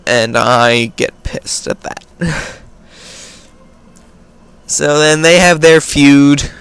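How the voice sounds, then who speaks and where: A man's voice: fairly high pitch, extremely slow, a bit bright, clean tone. An American man hosting a casual question-and-answer video, reading viewer questions aloud and then answering in an offhand way. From United States. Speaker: video host. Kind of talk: casual Q&A vlog.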